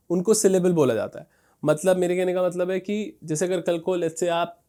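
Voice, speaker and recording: A man with a slightly higher-than-average voice walks viewers through a tutorial on screen. He keeps it conversational, checking in often and pausing on fillers as he clicks through. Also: dark tone. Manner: conversational, repeats "thik hai" and "dekhiye", frequent fillers. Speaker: instructor teaching Instagram growth. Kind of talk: casual screen-share tutorial.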